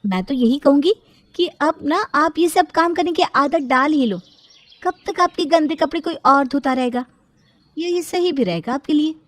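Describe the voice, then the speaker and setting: A woman voicing a sarcastic, dismissive young sister-in-law in an animated storybook. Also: sits high, normal speed, pitched above the performer's own voice, lightly acted.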